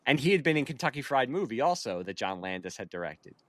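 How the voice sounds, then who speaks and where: A man's voice: mid-range voice, very animated, fast talker, no room sound, clean studio sound. A man from Philadelphia hosting a podcast, eagerly rattling off movie trivia in casual chat. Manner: trivia-laden, eager, chuckling. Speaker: podcast host.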